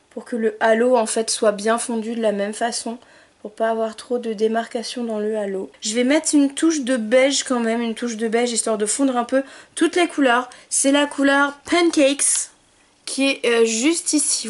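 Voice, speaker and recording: A young woman talking through a makeup tutorial, chatty and thinking aloud as she works, often trailing off softly. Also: a little high. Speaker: beauty vlogger.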